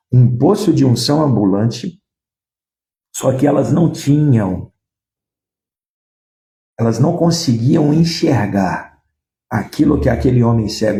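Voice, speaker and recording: A man's voice: medium pitch, lively intonation, a little slow, pauses often, dark tone, echoey room. A man preaching an emphatic sermon, calling out to his listeners as brothers and acting out the words of people in his stories. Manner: emphatic, addresses listeners as brothers, acts out quotes. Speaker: pastor.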